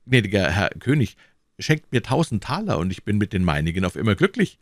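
A man's voice: on the low side, sing-song, a little fast, no room sound, clean studio sound. A man reading aloud and voicing a simple-minded townsman who boastfully praises his neighbour. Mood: pleading. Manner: eager, talky, praising.

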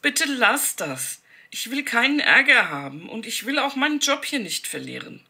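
A woman's voice: lowish voice, very animated, a little slow, bright, forceful tone, breathy edge, heavily acted. A woman voicing a frightened young maid who speaks hastily and pleads. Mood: pleading. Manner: pleading, hasty.

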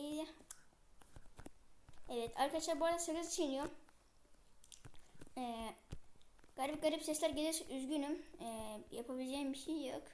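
A woman giving casual gameplay commentary, chatting to viewers with many fillers and speaking a bit loudly on purpose. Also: sits high, a little hiss or hum.

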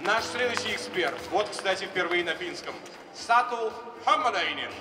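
Heard from a distance over an exhibition hall's echoing PA, with music underneath, a middle-aged ceremony host speaks into a handheld mic from the stage. His voice is high-pitched and expressive, his pace moderate, and his formal announcements come in short phrases.

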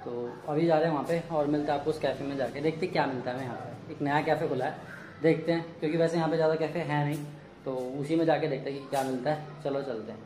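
A young Indian vlogger chats very fast to camera in his travel vlog, voice a little high and steady, hands gesturing throughout. Recorded on an arm's-length phone camera at a busy summer roadside and in a small room at home, the audio is echoey with loud street noise and traffic.

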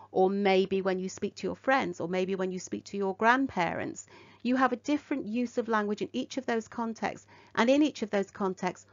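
A woman with an English accent and a mid-range voice gives a recorded induction lecture for sixth-form English, posing many rhetorical questions. The audio is dry, dull, and lo-fi.

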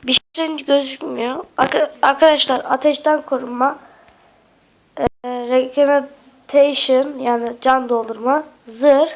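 A woman's voice: high-pitched, fairly even intonation, unhurried, low-quality recording. A woman narrating a casual game tutorial with a slightly sick voice, chatty and hesitant, often addressing the viewers as friends. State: slightly sick voice with occasional coughs. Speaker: Minecraft tutorial YouTuber.

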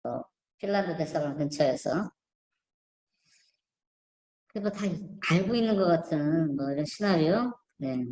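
Low-voiced woman rambling in an echoey room. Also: animated, unhurried, pauses often, darkish tone. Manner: rambling, many fillers and restarts; skeptical, picking apart images on screen. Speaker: online channel host. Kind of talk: casual spoken commentary.

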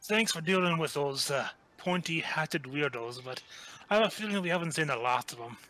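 A man's voice: on the high side, lively intonation, pushed and bright, slight background noise, rough recording. A man voicing a polite, fussy male royal quest-giver from a video game, reading the lines aloud with small halts. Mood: courteous. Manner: reads game dialogue aloud, halting.

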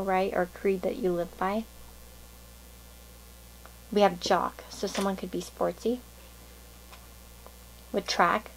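A woman's voice: on the low side, vocal fry, slight background noise, poor audio. A woman giving a casual pick-a-card tarot reading to viewers, musing and thinking aloud in a meandering way.

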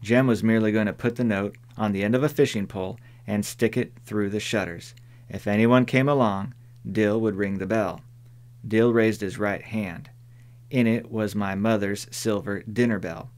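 A man narrating an audiobook in a measured storytelling manner. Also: lowish voice, fairly even intonation, a little mellow. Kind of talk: scripted narration.

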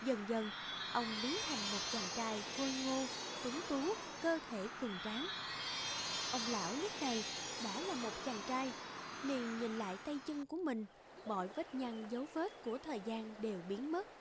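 A woman narrating a fairy-tale cartoon in a gentle, even storytelling delivery. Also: a little high, moderate pace, very noisy. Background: loud background music.

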